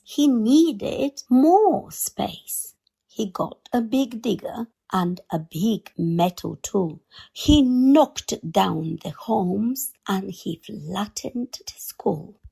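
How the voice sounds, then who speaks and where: Reading a children's picture book in a lively storytime manner, this woman leans dramatically on key words. She has a mid-range voice that's creaky and husky.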